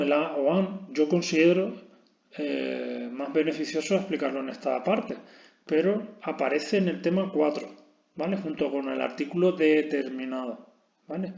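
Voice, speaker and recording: A man's voice: fairly high pitch, gravelly, darkish tone. A man with a Spanish accent teaching an English grammar lesson, explaining step by step and often checking in with his listeners. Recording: echoey room, dull lo-fi sound.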